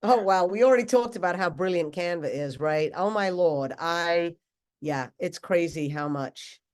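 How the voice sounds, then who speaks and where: A congested woman hosting a webinar, chatting warmly and effusively with her guest. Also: on the low side, normal speed. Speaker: webinar host. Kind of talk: casual webinar chat.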